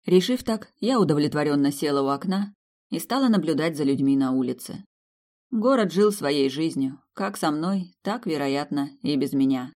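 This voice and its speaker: Audiobook reader, plain steady first-person narration, mid pitch. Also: normal speed.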